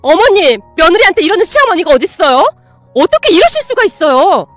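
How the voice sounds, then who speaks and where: A woman's voice: high-pitched, big pitch swings, fairly quick, fairly bright tone, no room sound, soft background music. A woman doing a snide, needling young wife. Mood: shrill outrage. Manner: needling, condescending. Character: snide meddling young wife, sister-in-law.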